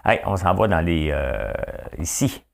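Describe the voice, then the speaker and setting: A man's voice: low-pitched, very animated, unhurried, creaky. A man in his fifties with a Quebec French accent, hosting a casual, folksy news chat and often asking his listeners questions. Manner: chatty, folksy, keeps asking "hein?". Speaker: host.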